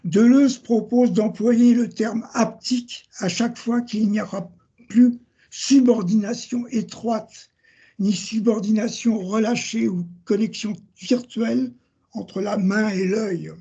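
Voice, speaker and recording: An older man giving an academic seminar lecture, reading measured passages from his notes, citing sources and page numbers, and correcting himself now and then. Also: sits high, fairly even intonation, warm tone, breathy edge, highs cut off.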